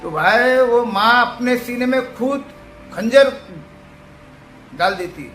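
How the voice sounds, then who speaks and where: A man's voice: extremely high pitch, lively intonation, takes it slowly, pushed and bright, a little hiss or hum. A man telling a religious folk tale dramatically, calling listeners brother. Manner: emotional, addresses listeners as brother. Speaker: storyteller. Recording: echoey room, faint music.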